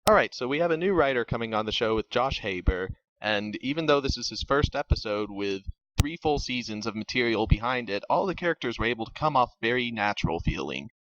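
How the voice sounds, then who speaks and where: A man's voice: medium pitch, animated, brisk, fairly bright tone, no echo. A man co-hosting a casual review discussion, explaining his views earnestly. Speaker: podcast co-host. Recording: dull dry lo-fi mic.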